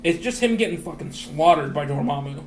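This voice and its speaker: A man with a fairly high voice talks in a loose, rambling way, swearing freely as he chats about a film. He is recorded in an echoey room with a faint hiss under the voice. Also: expressive, fairly quick. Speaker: podcast co-host. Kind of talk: casual movie chat.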